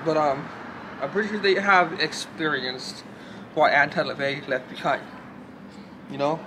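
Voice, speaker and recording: Filmed by a friend on a handheld camera, a young man shivers with cold while loosely vlogging outdoors on a city street and then in a hotel room, swearing and using lots of fillers. His voice is on the high side, fairly even in intonation and measured in pace, with noisy street and room ambience around him.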